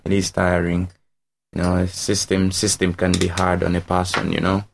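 Deep gravelly Ugandan man, tired. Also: monotone, noisy background. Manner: tired, unhurried, many "you know"s. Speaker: musician guest. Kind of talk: casual interview.

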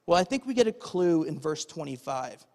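A pastor preaching a conversational sermon, often checking in with "okay?" and asking the congregation questions. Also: male voice, fairly high pitch, sing-song, moderate pace, a little mellow. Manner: asks the audience rhetorical questions. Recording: long hall reverb.

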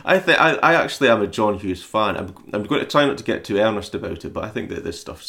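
A man with a fairly low voice, co-hosting a casual, rambling chat about films. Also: big pitch swings, fast, gravelly, bright, forceful tone. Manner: rambling, chatty, swears casually. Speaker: podcast co-host.

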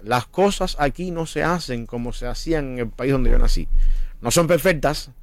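A man's voice: medium pitch, moderate pace, no echo. A middle-aged man, a pastor from Cuba, hosting a radio talk show and making his points emphatically, repeating them like a sermon. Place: radio studio.

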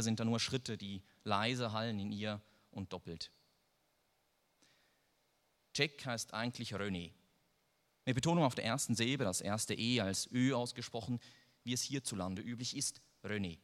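A man's voice: medium pitch, moderate pace. A man reading a first-person story aloud in a dry, wry manner. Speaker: narrator. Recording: long reverb.

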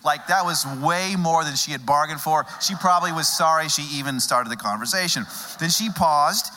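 A middle-aged male pastor from Texas, preaching a sermon through a humorous story told with dramatic pauses. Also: fairly high pitch, bright, forceful tone, slight background noise.

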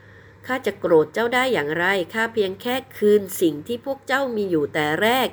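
A woman voicing a kind, wealthy young lord in a folk tale, speaking calmly and slowly. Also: mid-range voice, pitched above the performer's own voice, lightly acted. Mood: gracious. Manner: calm, slow and gracious. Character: kind rich young lord, calm and generous.

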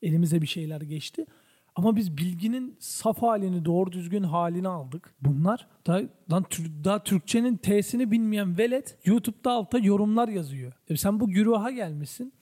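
A man's voice: sits high, expressive, a little fast, mellow. Profane ranting young man. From Turkey. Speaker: podcast host. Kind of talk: casual ranting monologue.

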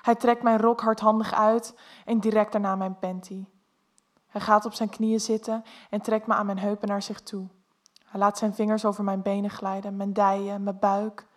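A woman reading an erotic story aloud in a soft, intimate first-person narration. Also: mid-range voice, little pitch movement, normal speed.

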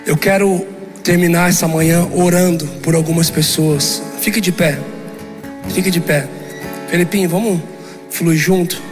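Animated high-voiced male preacher in a hall. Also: moderate pace. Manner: animated storytelling, acting out dialogue. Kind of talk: sermon with story. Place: church. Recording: church hall reverb with music.

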